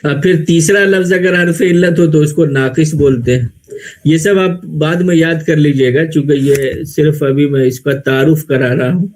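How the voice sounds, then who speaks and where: A man with a slightly high, darkish voice and fairly even intonation lectures a class on Arabic grammar, speaking Urdu in an Indian Urdu accent. He goes slowly and methodically, asking himself questions and then supplying the answers.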